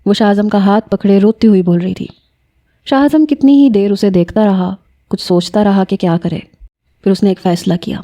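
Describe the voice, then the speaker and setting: Woman reading a novel in a mellow voice. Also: medium pitch. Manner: steady, dramatic storytelling. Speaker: novel narrator. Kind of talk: reading a romance novel aloud.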